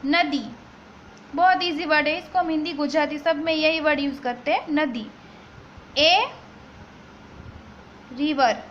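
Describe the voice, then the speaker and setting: A woman teaches a vocabulary lesson at an unhurried pace, spelling each word out letter by letter. Her voice sits high. The recording sounds a little dull, with faint noise underneath. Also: fairly bright tone. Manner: slow, patient, spells words letter by letter.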